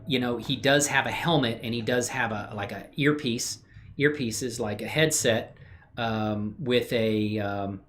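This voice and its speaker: He speaks at medium pitch, a bit bright, with slight background noise, hosting a casual livestream and screen-share tutorial. Effusive with viewers and fond of playful slang, he mumbles and rambles while working on 3D animation as a hobby.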